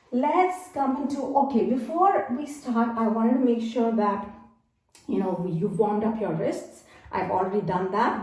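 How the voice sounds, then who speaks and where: A woman with a medium-pitched, slightly mellow voice leads a yoga class, giving patient step-by-step cues peppered with fillers while a little out of breath. The guided exercise instruction is recorded very echoey and distant.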